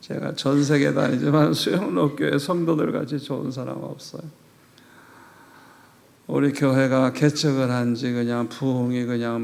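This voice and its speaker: A man's voice: mid-range voice, gravelly, darkish tone. An older man preaching a revival sermon as a pastor, telling stories with animation and acting out prayers and quoted dialogue.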